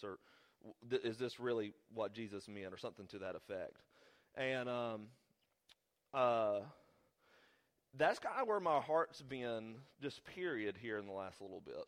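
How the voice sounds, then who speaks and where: A man preaching a sermon as the pastor while sick, with rambling, joking asides. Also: on the low side. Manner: rambling, self-deprecating asides. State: sick, under the weather. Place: church sanctuary.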